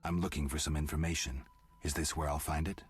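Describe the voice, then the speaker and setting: An actor playing a gruff, stoic warrior for hire in a video game, terse and deadpan. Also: male voice, a bass voice, brisk, faint music behind, exaggerated voice. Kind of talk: video game dialogue acting.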